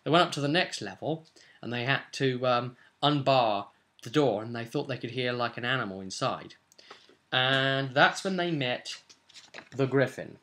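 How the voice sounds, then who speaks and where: A young man, the game master, talks casually indoors in a small, cluttered room at home while explaining a tabletop role-playing session. He leans on key words conversationally. His medium-pitched voice is animated and sharp, moving at a moderate pace.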